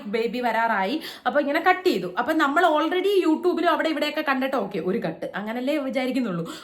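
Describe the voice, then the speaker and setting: A young woman tells her own story to the camera in a loose, chatty way, slipping into other people's voices for quoted lines. Her voice sits somewhat high. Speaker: vlogger. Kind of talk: casual storytelling vlog.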